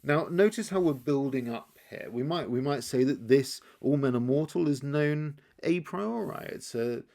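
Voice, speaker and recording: A man explaining key terms in a relaxed lesson, thinking aloud as he draws and often restarting his sentences. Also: mid-range voice, moderate pace, gravelly. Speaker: teacher. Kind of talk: explainer lesson while drawing.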